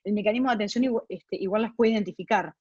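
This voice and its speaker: A woman's voice: medium pitch, racing, a little mellow, slightly rough, no echo. A woman giving a technical lecture, explaining step by step with frequent tag questions and fillers. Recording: dull dry online talk audio.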